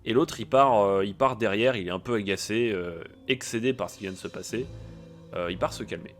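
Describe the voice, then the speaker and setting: A man running a tabletop role-playing game as game master, narrating in a relaxed and hesitant way. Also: fairly low pitch, fairly quick, faint music behind.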